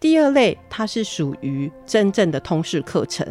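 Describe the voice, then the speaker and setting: A woman's voice: on the low side, big pitch swings, normal speed, darkish tone, soft background music. A woman guest explaining university teaching work in conversation, with frequent hesitation fillers.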